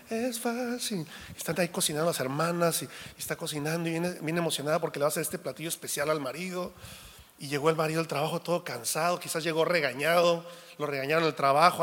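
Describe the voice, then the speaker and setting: A man, preaching a sermon as pastor in a jokey, animated way, acting out little quotes. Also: a little high, fast talker. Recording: reverberant hall.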